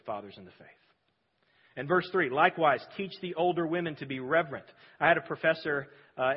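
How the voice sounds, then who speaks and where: A pastor preaching a sermon in a large church sanctuary, earnest and emphatic, often dropping suddenly quiet. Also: male voice, mid-range voice, husky. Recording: dull lo-fi sound with long hall reverb.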